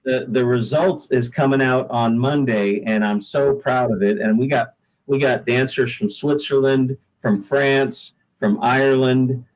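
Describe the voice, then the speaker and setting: A singer-songwriter appears as a guest in an interview, talking casually and haltingly, often repeating words while he gathers his thoughts. His medium-pitched voice holds a steady tone, and the recording is rough.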